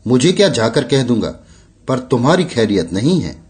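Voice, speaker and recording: A man's voice: medium pitch, very animated, normal speed, darkish tone, lightly acted. A man voicing a blunt, wary male peon who warns his neighbor. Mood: warning. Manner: blunt, warning.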